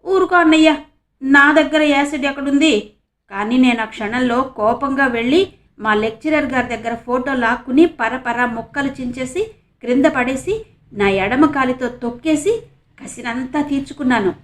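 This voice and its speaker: A woman's voice: high voice, moderate pace, voice pushed up, lightly acted. A woman voicing a young female college student who tells her story tearfully and bitterly. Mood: resentful. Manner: tearful, resentful. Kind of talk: audiobook character reading.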